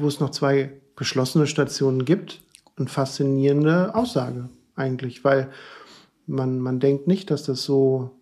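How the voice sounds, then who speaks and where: A man's voice: medium pitch, darkish tone. A man hosting a podcast, asking long, rambling interview questions in a chatty way. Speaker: podcast host. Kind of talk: conversational interview.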